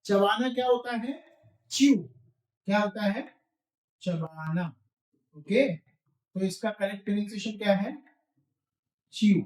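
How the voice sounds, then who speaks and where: A man teaching spoken English, drilling phrases slowly and quizzing the viewer. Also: high-pitched, a little mellow, reverberant, rough recording.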